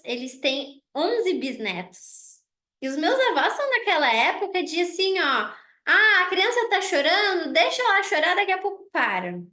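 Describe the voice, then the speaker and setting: Woman dentist, high voice, warm casual explainer, restates each point. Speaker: dentist presenting a wellness oil kit for children. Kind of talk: casual online presentation.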